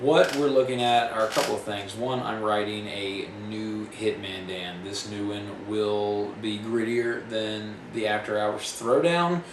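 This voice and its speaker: A man with a fairly low voice chats through a casual vlog about his film projects, rambling and self-correcting in a plain-spoken way. He sits back from the camera's own mic, so the sound is roomy and echoey. A steady hiss of noise runs under his voice. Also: a little slow, few pauses, distant mic. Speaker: independent filmmaker.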